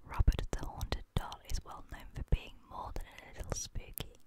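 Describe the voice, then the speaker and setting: Young woman whispering a creepy story asmr style, hushed n breathy, right up on the mic. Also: moderate pace. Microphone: close studio microphone.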